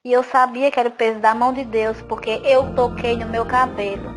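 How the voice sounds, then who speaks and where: A woman's voice: fairly high pitch, steady tone, brisk, poor audio. Emotional woman's testimony over music. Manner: earnest, emotional storytelling with tearful pleas to God. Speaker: testimony giver. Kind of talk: religious testimony. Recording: voice over loud background music.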